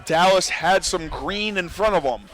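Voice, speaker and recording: A young man calling college football play-by-play, excitable and getting loud on big plays, outdoors at a stadium. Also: high-pitched, measured pace. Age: young adult. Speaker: play-by-play commentator.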